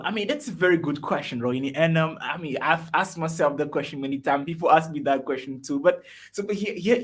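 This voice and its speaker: A man from Togo, a motivational speaker guest, telling his life story on a video call in an animated, emphatic way, repeating words and joking. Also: a little high.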